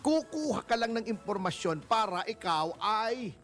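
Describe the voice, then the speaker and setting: A man's voice: high-pitched, sing-song, unhurried, fairly bright tone, soft background music. A male lawyer as a guest in a casual interview, talking bluntly and mockingly and laughing as he speaks.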